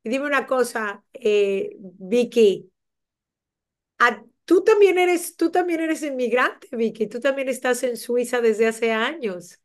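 A woman's voice: on the high side, lively intonation, slow pace. Woman hosting a video-call book chat. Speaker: host of a book discussion.

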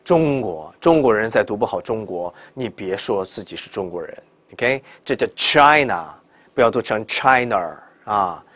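A middle-aged man teaches English pronunciation with a lively, swinging voice, stretching words out slowly as he demonstrates them. He peppers the class with rhetorical questions. The sound is dry and close to the mic. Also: fairly low pitch, no echo. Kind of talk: classroom lecture.

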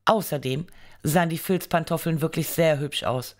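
A woman narrating an audiobook fairy tale, reading it aloud in measured storytelling phrases. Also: low-pitched.

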